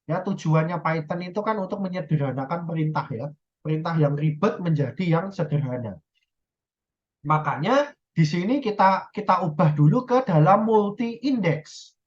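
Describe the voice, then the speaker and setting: A woman's voice: fairly low pitch, animated, moderate pace. Woman lecturing, dull lo-fi recording. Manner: explains step by step, often checks "ya" and self-corrects.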